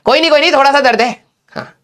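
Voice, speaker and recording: A man's voice: extremely high pitch, fast talker, a bit bright. A young adult male teacher chatting to his students in a casual, joking way, telling a story and slipping in English phrases. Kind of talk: casual storytelling in an online class.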